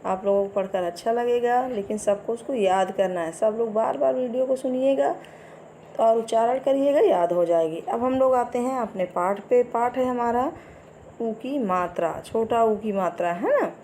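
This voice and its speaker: A woman teaching a Hindi lesson to young children, slowly and patiently repeating words for them to follow. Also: on the high side, dark tone, slight background noise. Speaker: primary school Hindi teacher.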